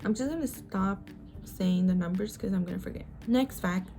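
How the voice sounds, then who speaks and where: Soft music plays behind a beauty vlogger in her twenties doing a casual get-ready-with-me chat. She was born in Mexico, grew up in the US, and talks frankly at a moderate pace in a dark, medium-pitched voice, sighing often and swearing without restraint as she does her makeup.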